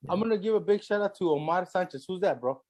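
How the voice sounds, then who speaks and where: A man's voice: high voice, lively intonation, fast, darkish tone. A man hosting a casual chat with a teasing, slangy frat bro manner and free swearing. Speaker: show host.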